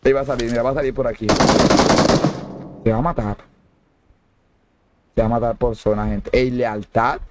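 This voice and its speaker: A young man giving casual gameplay commentary in slangy, jokey talk that breaks into shrill pleading. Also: fairly even intonation, moderate pace, pauses often, noisy background. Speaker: gamer streamer.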